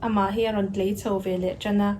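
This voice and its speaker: A woman's voice: quick pace, mellow, slight background noise. A young adult woman vlogger, talking casually and chattily as she explains things to her viewers. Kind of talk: casual vlog chat.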